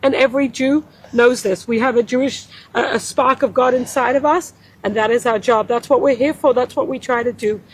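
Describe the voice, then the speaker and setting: A woman's voice: a little high, steady tone, brisk, few pauses, slightly rough, poor audio. A woman, speaking earnestly and with passion as an interview guest who runs a community center. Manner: earnest and impassioned, rising when quoting others. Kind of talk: emotional interview testimony.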